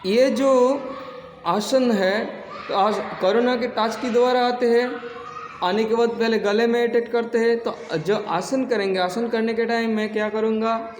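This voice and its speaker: A man teaching yoga in a casual, halting way, with many restarts and some throat clearing. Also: sits high, echoey room, big-room sound, slight background noise. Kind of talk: casual spoken instruction.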